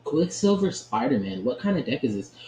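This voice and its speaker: Playing a card game on his channel, a man chats casually, laughs a lot, and keeps asking "right?". He speaks fairly quickly in a sing-song, medium-pitched voice that is a little mellow, recorded in an echoey room with faint ambient noise.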